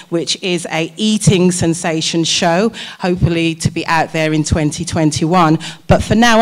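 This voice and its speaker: A woman chef and performer pitching her show at an arts conference in a playful, theatrical way, with laughter.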